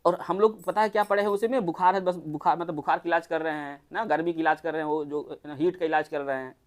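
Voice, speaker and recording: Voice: medium pitch, fairly even intonation, fast talker. A TB doctor gives an informal health talk to a small group, in a chatty way with many rhetorical questions. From Uttar Pradesh, India.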